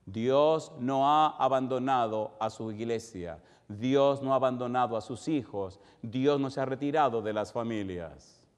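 A male pastor preaching a sermon, moving from quiet storytelling to loud, rising calls with repeated questions. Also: mid-range voice, a little slow, smooth. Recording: long hall reverb.

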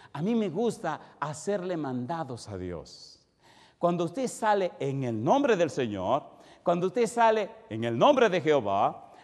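A male pastor preaching a sermon, moving from quiet storytelling to loud, rising calls with repeated questions. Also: mid-range voice. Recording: long hall reverb.

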